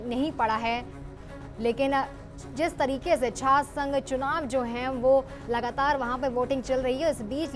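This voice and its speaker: A female news anchor presenting a live bulletin and formally questioning a reporter. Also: sits high.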